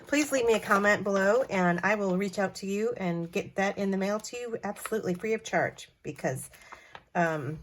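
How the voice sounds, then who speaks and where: A woman's voice: mid-range voice, a little hiss or hum. A woman hosting a card-making tutorial, talking in a chatty, friendly way with fillers and self-corrections. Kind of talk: casual craft tutorial.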